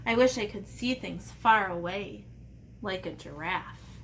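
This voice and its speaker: Creaky-voiced woman teaching young children. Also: medium pitch, animated, a little slow, a bit bright, a little hiss or hum. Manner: simple, child-directed explanations with playful asides. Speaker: elementary art teacher. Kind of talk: read-aloud and step-by-step drawing lesson for children.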